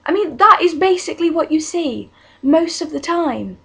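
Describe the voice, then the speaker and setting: A woman's voice: very high voice, animated, moderate pace, creaky, a bit bright. A teenage girl, ranting casually in her vlog, exasperated and chatty, recorded on a webcam at home. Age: teens. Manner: exasperated, chatty, many restarts and "like". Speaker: vlogger. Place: bedroom at home.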